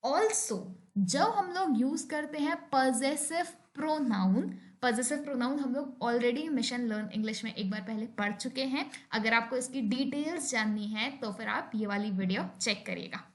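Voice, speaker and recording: A young woman with an Indian accent teaching an English grammar lesson, explaining rules and reading example sentences slowly with clear stress. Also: a little high. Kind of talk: grammar lesson over slides.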